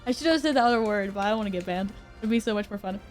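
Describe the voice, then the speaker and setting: A woman's voice: medium pitch, racing, a little mellow, soft background music. A young woman from Sweden, chatting casually with her stream viewers from her apartment, reading their messages aloud and laughing often. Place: apartment room at home.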